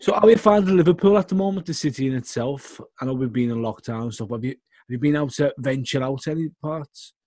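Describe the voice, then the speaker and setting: Dry-sounding male interviewer, medium pitch. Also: fast talker, a little mellow, no echo. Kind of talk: casual interview questions.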